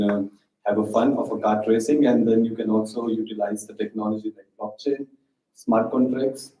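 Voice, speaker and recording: A man, a game founder and developer, pitches hesitantly, with many filler sounds. His voice is low, dark and flat. It is heard from far off in an echoey hall. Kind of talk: short pitch talk.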